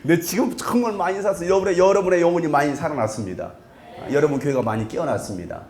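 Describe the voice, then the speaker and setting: A man in his thirties, a pastor giving a lively sermon in a large church hall, joking with the congregation and breaking into shouts. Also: on the high side, rapid-fire. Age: 30s. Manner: joking, animated, bursts into shouts.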